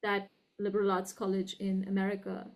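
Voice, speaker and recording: Her delivery is completely flat and her pitch medium as this guest, a university professor, reflects in an interview. She has an educated upper-class Indian English accent, speaks articulately with deliberate emphasis, and keeps checking in with "right?".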